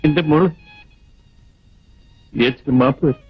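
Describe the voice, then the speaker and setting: A man's voice: fairly high pitch, measured pace, breathy edge. An older actor playing a remorseful father tenderly pleading with his daughter for forgiveness, in a 1980s film drama. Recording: dull old film soundtrack with music.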